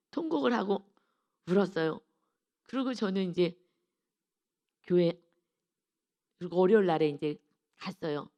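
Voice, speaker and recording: A woman giving an early morning sermon, telling a personal story with lively storytelling and acting out her own prayers. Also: medium pitch, vocal fry, dull audio. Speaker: preacher.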